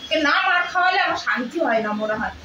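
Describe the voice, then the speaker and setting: A young woman plays a spoiled younger daughter, whiny and scheming, with a very high, bright voice. She sounds far from the mic in a room with echo. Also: animated, fast talker, highs cut off. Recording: roomy room, mic far off, faint noise.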